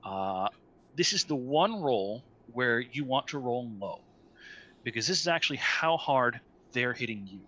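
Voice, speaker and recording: A man's voice: mid-range voice, animated, measured pace, sharp tone, lo-fi sound. A man acting as game master, patiently explaining rules with many fillers over an online call. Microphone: online call mic.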